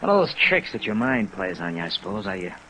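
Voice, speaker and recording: In a 1950s radio drama, a man plays a chagrined, middle-aged veteran hotel operator, hesitant and self-mocking, recounting events sheepishly. His fairly low voice is sing-song, quick, pushed and bright. The low-quality vintage radio recording sits under rain noise.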